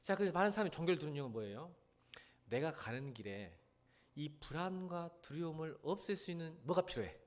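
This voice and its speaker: Lively Jeolla-accented preacher, man. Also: fairly high pitch, brisk. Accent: Jeolla Korean. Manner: lively preaching, swinging from hushed pleading to loud emphatic questions. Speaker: pastor. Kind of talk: sermon.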